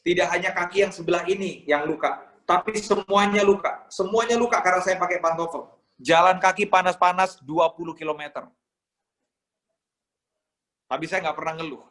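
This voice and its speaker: This sermon comes from a young man from Indonesia, a pastor whose high, somewhat bright voice moves at a moderate pace. Dramatic and emotional, he tells stories and acts out pleading voices.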